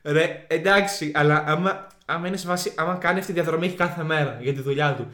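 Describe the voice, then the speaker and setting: A man's voice: fairly high pitch, bright, forceful tone, roomy sound. A young man telling a story in a slangy, rambling way on a casual podcast.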